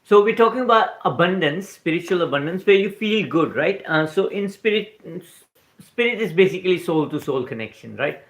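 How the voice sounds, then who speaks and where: A man's voice: high-pitched, expressive, moderate pace, a bit bright. A man with an Indian accent, English not his first language, talking casually about spirituality on a livestream, answering chat comments and often tagging "right?" onto his points. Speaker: livestream host. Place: live stream recorded in New Zealand.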